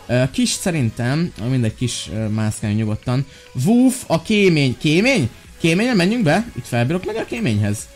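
A young man from Hungary playing Minecraft, joking around and shouting commands in playful role-play with lots of fillers. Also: on the high side, sing-song, faint music behind. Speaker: gaming YouTuber.

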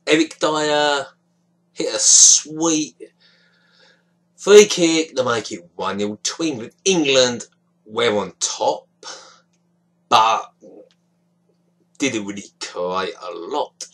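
A young man gives a frustrated, disappointed football reaction into a nearby webcam in a small, dim room, gesturing a lot. His mid-range voice is expressive and a bit bright, slow, with long pauses, in a low-quality recording of casual commentary.

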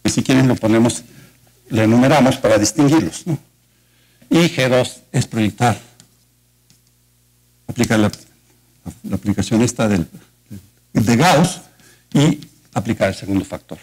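A man with a Mexican Spanish accent gives a university math colloquium in a lecture auditorium, explaining step by step and asking rhetorical questions. His mid-range, darkish voice keeps a measured pace with long pauses, and the recording is rough.

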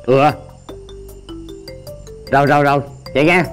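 An actor playing a scheming older father who talks brisk and reassuring on the phone. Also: fairly high pitch, fairly even intonation, soft background music, lightly acted.

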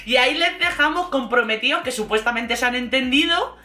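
A woman with a Spain Spanish accent gives animated, colloquial commentary on reality TV and laughs often. Her voice sits high and sounds bright and sharp. The recording is made in an echoey room. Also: brisk, faint music behind. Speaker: reality TV recap vlogger. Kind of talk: casual commentary.

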